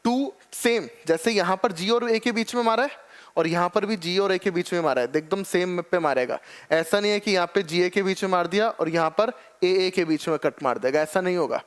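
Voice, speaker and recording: A man with a raised, high-pitched teaching voice delivers an exam-prep biology lecture. He explains step by step, addresses the students as children, and keeps checking that they follow. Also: normal speed, clear, resonant tone. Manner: calls students "children" and "beta ji".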